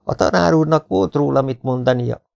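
Brief: male audiobook narrator, gravelly voice, wry dry delivery. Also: a little high, a little mellow. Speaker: audiobook reader.

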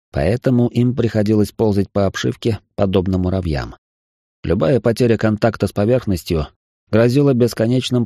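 A man narrating a science fiction audiobook in the first person, steady and measured. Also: fairly low pitch, no room sound, clean studio sound.

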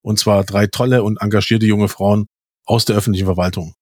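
A man's voice: lowish voice, steady tone, a little fast, a little mellow, dry recording. A man hosting a podcast interview from a studio, moderating in an upbeat, informal way. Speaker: podcast host.

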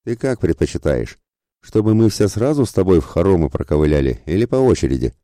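A man's voice: low voice, sing-song, fast, warm tone, no room sound, studio quality. A man voicing a crude, leering bandit of about thirty in an audiobook, mocking and lewd.

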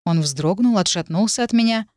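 A woman reading a first-person novel aloud in an expressive, emotional way. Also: mid-range voice, moderate pace, dry recording, studio quality. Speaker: audiobook reader.

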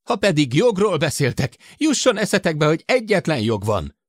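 Man voicing a tall hunter, stern, shouting, raised pitch, dry close audiobook. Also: big pitch swings, dry recording. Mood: furious lecturing. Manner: drawling, then bursting into shouts. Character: tall stern hunter, brooding and hot-tempered.

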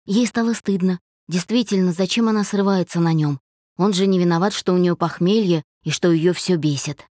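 A woman reading a novel aloud as narrator, in a steady, even manner. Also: fairly low pitch, normal speed, dry recording, studio quality. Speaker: audiobook narrator. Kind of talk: scripted narration.

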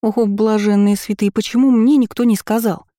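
Woman doing a squealing excitable young princess. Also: mid-range voice, no room sound, studio quality, pitched above the performer's own voice, lightly acted. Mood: excited. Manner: exclaiming, squealing, talking fast.

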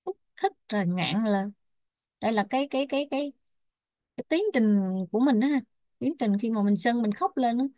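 Một người phụ nữ đang giảng bài, đọc chậm từng thuật ngữ, đánh vần rồi giải nghĩa như cho học viên chép. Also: female voice, medium pitch, no echo, clean studio sound. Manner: spells out Pali terms and glosses them slowly. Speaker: Buddhist Abhidhamma teacher. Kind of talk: slow dictation-style teaching.

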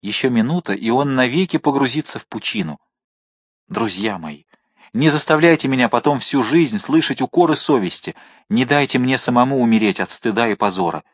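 A man reading aloud and voicing a noble, gentle older count who speaks softly and with dignity. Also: mid-range voice, lively intonation, a little fast, husky, no echo, clean studio sound. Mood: pleading. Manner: soft, imploring, dignified.

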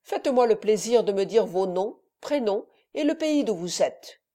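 A woman's voice: mid-range voice, animated, moderate pace, dark tone, natural voice. A woman doing a sly, guarded innkeeper. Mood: polite. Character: wary, calculating male innkeeper, middle-aged.

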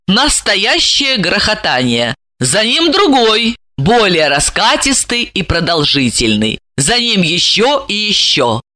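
A woman narrating a comic story in a playful, animated way. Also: medium pitch. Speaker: audiobook narrator.

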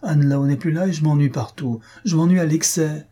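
A man's voice: a little high, brisk, dark tone, husky, pitched above the performer's own voice. A man voicing an emotional young countess who pleads in a raised, lilting voice, read from a classic novel. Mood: weary. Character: young countess, tender, tearful, highly emotional.

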